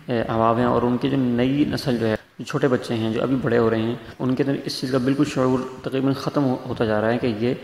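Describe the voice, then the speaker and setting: Gravelly male tajweed teacher, echoey room. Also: medium pitch, a little mellow. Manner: patient, explanatory, drawn-out letter demonstrations. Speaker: Quran recitation teacher. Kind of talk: tajweed lesson. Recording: echoey room with faint noise.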